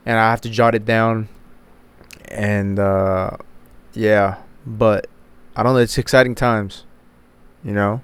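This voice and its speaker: A man's voice: lowish voice, level tone, slow, pauses often, clear, resonant tone, dry recording. Young male podcast host, early twenties, loose and profane, resonant voice, dry close sound. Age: 20s. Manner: rambling, profane, many fillers. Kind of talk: casual solo chat.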